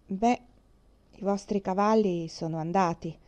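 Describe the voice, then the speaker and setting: A man's voice: sits high, fairly even intonation, a little slow, a little mellow. A woman voicing a firm frontier father. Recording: muffled lo-fi recording.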